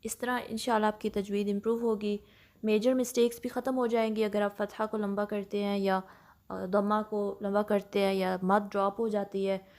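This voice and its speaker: With a flat, darkish, mid-range voice at a moderate pace, a female tajweed teacher speaking Pakistani-accented Urdu walks students through recitation step by step. She blends English terms into her Urdu, explains patiently, and checks in frequently.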